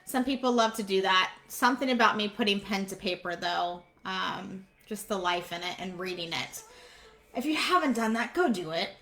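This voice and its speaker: A woman's voice: medium pitch, expressive, moderate pace, bright, forceful tone. A woman giving a heartfelt faith devotional, earnest and repeating phrases for emphasis. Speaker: speaker giving a devotional message.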